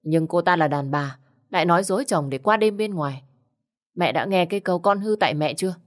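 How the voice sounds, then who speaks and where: A woman's voice: lowish voice, a little fast, close to an everyday voice. A woman reader voicing an angry, jealous young husband who speaks in harsh, accusing bursts. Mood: furious.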